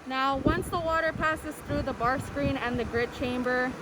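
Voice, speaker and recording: A woman's voice: sits high, moderate pace, echoey room, distant mic, very noisy. A woman guiding viewers through a wastewater treatment plant, explaining each step plainly with everyday comparisons. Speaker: wastewater plant staff tour guide. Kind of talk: educational vlog walkthrough.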